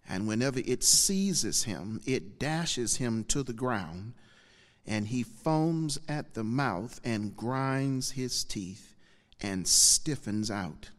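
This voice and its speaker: Slow, echoing male preacher at pulpit microphone. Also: mid-range voice. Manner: deliberate, measured, pausing between phrases. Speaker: pastor. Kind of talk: sermon with scripture reading. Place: large church sanctuary. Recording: long hall reverb from church PA.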